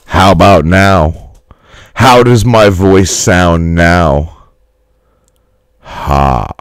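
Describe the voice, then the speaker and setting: Male stream host, voice slowed down and deepened, dry close studio mic, loose and profane. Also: clean tone, no echo. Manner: loose, swearing, talks straight to chat. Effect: slowed-down, deepened voice from fiddling with mic settings. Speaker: livestream show host. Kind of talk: casual profane livestream chat. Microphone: studio microphone.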